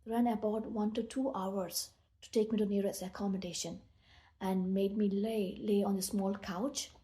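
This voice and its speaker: A meditation speaker, a woman with an Indian accent, tells listeners a personal story in an earnest, halting way, sometimes doubling back on her words. Her voice is soft-edged and mellow at a medium pitch, with fairly even intonation.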